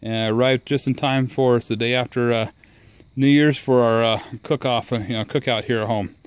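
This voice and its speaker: A man talking casually to the camera about his cooking at home outdoors, relaxed and enthusiastic, with frequent fillers. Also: mid-range voice, moderate pace, clean tone, dry recording. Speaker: home cook reviewing his new smoker.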